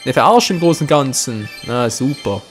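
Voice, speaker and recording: A young man hosting a let's play, commenting on the game excitably, swearing and talking to his viewers. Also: medium pitch, normal speed, faint music behind.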